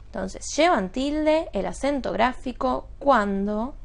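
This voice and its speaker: Woman teacher, slightly high voice with gravel, measured lesson delivery, keeps checking the class understands. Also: lively intonation. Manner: deliberate, checks understanding with quick questions. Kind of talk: spoken grammar lesson.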